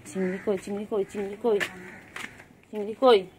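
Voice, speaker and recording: A woman's voice: mid-range voice, steady tone, moderate pace, background noise. A woman talking baby talk to her pet cat at home, cooing and repeating pet names.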